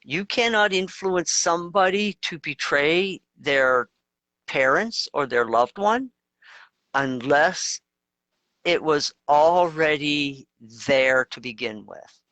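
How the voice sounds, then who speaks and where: A man's voice: on the high side, slow, bright, forceful tone, no room sound. A man co-hosting a casual spiritual discussion, talking emphatically in long runs with crude asides. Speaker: co-host.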